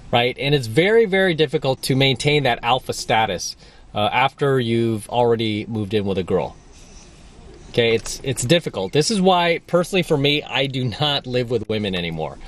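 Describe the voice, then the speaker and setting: A man's voice: mid-range voice, a little hiss or hum. Blunt, emphatic male dating coach. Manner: blunt, emphatic, repeats points for stress. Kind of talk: monologue coaching video.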